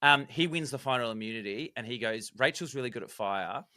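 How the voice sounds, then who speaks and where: A man co-hosting a podcast, explaining game strategy in an animated, detailed way. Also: mid-range voice, a little fast, dry recording, studio quality. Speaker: podcast co-host, former contestant. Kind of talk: casual analytical chat.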